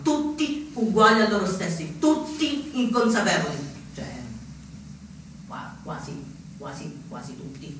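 A high-voiced young man plays a rebellious anarchist from southern Italy, a defiant outsider, in a theatrical first-person monologue. His mood is bitter and subdued, yet his delivery is impassioned and insistent with emphatic repetitions. The stage recording is distant and echoey, with music and background noise.

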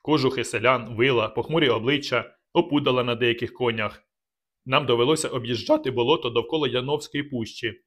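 A man reading a novel aloud in the first person, in a steady, measured way. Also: mid-range voice. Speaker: audiobook reader.

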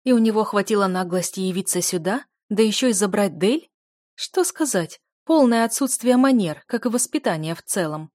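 A breathless noble lady, as a woman narrator puts her on, worried and full of scorn, her voice a touch raised and loud. She gasps out her words and sneers. The storybook recording is dry. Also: medium pitch, animated, moderate pace, dry recording, natural voice. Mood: anxious, scornful. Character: anxious aristocratic mother, middle-aged woman, haughty.

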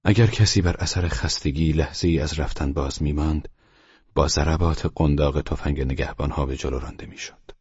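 A man narrates a storybook in a grave, measured tone. His voice is extremely deep and very husky. The recording is dry and dull, with a lo-fi sound. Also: fairly even intonation, darkish tone, no echo. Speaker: audiobook narrator. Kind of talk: scripted narration.

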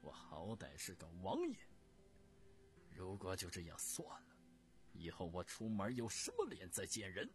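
A man voicing a hot-headed prince who protests loudly and indignantly. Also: low-pitched, sing-song, moderate pace. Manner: loud, indignant. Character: hot-headed middle-aged prince, blustering.

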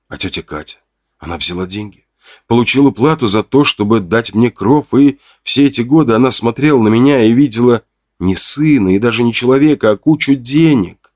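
A man's voice: lowish voice, darkish tone, no room sound, studio quality. A man giving a tense, dramatic first-person audiobook narration.

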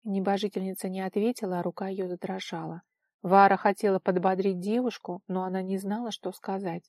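A woman narrating a fantasy audiobook in an expressive storytelling manner. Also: medium pitch, fairly quick, dry recording, clean studio sound.

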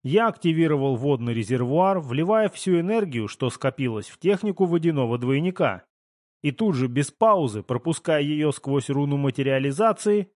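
A man reading a first-person novel aloud in a steady, even storytelling voice. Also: a little high, moderate pace, no echo, clean studio sound. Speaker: audiobook narrator. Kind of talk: scripted first-person audiobook narration.

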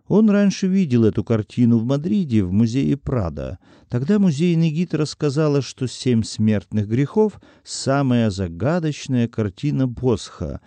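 A male audiobook narrator reads in an expressive storytelling manner, his voice very dark and mellow with a lively, wide-ranging pitch. The recording is close and dry. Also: no echo.

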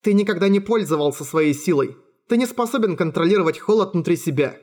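A man's voice: high voice, animated, fast talker, a little mellow, voice pushed up. A man voicing an eccentric teenage girl with grandiose fantasy talk, speaking in a solemn, mysterious, theatrical way for an audiobook.

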